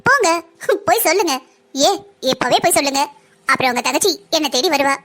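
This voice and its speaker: Woman voicing a sneaky baby-swapping cartoon schemer, taunting, high voice, talks fast. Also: lively intonation, fairly bright tone. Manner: sly, taunting, mocking politeness. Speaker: villain. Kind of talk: cartoon voice acting.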